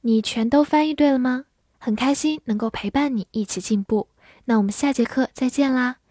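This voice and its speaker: A woman reading out a scripted English vocabulary lesson, repeating each word slowly and then giving its part of speech and meanings. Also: sits high, dark tone, no room sound, clean studio sound. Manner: slow, deliberate word-by-word drilling.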